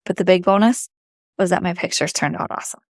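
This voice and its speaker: A woman's voice: lowish voice, fast, gravelly, no room sound, clean studio sound. Chatty woman with a Yooper accent. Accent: Upper Michigan Yooper. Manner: chatty, informal, emphatic. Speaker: vlogger. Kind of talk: casual personal storytelling.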